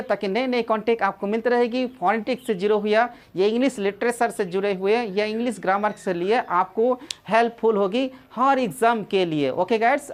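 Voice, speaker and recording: A woman with an Indian accent teaches pronunciation in a casual online lesson, repeating words slowly and stretching them out. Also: fairly high pitch. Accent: Indian English. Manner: drawn-out repeated words, slow modeling of sounds.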